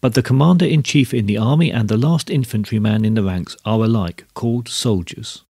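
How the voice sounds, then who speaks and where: An arrogant, vulgar tavern scribe from a storybook reading, as a male narrator puts him on. He rolls out grand, pompous phrases in a gravelly, husky voice. The sound is close and dry. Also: fairly low pitch, fairly quick, a little mellow, no echo. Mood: bombastic. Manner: pompous, bombastic. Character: coarse, arrogant fat innkeeper's scribe.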